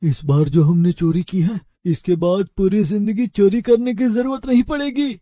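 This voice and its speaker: A greedy thief, acted by a man, with a high, dry voice. He boasts and threatens loudly in this cartoon tale. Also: normal speed, no room sound, close to an everyday voice. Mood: scheming. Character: greedy, menacing male temple thief.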